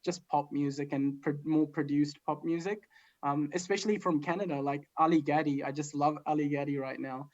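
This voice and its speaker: A male guest musician from New Zealand chatting casually, relaxed and rambling with many fillers. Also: a little high. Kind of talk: casual chat. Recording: dull lo-fi sound.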